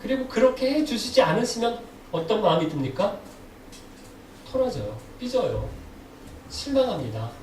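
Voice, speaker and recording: A man's voice: high voice, sing-song, normal speed, long pauses, darkish tone. A male pastor preaching a sermon who keeps putting questions to his congregation, recorded in a church sanctuary from a distant mic. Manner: asks the congregation frequent questions. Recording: echoey hall, distant mic, faint noise.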